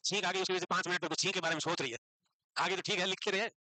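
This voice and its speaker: A man teaching psychiatry to a class, brisk and scolding, calling his students "beta" and mixing English medical terms into his Hindi. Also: high voice, steady tone, sharp tone, no echo. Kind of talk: classroom lecture.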